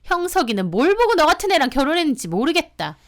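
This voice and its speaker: A woman voicing a shrill, demanding middle-aged sister-in-law in a scolding, sneering manner for a storytelling radio drama. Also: sing-song, fast talker. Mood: yelling.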